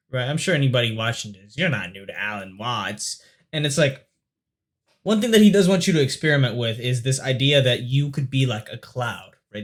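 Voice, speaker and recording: Guy rambling on his reaction channel, mid pitch, loose and chatty, swears now and then. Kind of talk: casual reaction commentary.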